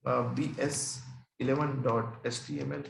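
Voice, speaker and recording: A young man from India teaching programming in a relaxed, conversational way, asking and answering his own questions. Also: mid-range voice, takes it slowly, gravelly, roomy sound, slight background noise. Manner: conversational, asks and answers own questions, often checks in with "ठीक है". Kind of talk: screen-recorded coding tutorial.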